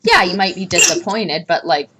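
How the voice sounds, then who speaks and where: A woman's voice: lowish voice, moderate pace, heavy background noise. A woman co-hosting a casual live chat, candid and rambling, a little self-deprecating. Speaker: co-host.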